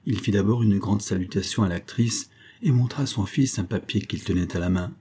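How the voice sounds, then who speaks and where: A man narrating a historical novella as an audiobook in a measured storytelling manner. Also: on the low side, dark tone, husky.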